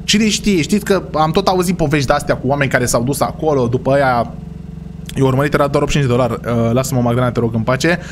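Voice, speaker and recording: A man hosting a gaming channel who narrates his role-play game straight to viewers in an excitable, exclaiming way. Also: mid-range voice, background noise.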